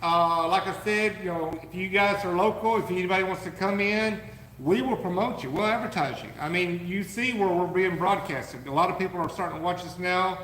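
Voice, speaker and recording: A man co-hosting a live podcast from a warehouse, pitching his gear with eager, salesman-like energy, his voice going hoarse. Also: brisk, fairly bright tone, echoey room, big-room sound, slight background noise, rough recording. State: losing his voice. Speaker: podcast co-host, business owner. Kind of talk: casual live podcast chat.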